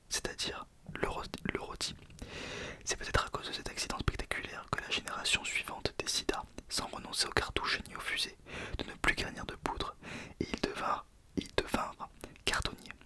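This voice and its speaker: Man whispering an ASMR reading. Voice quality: soft unvoiced whisper. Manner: informal, stumbles over words and corrects himself. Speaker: ASMR video creator. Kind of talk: whispered ASMR book reading with casual asides.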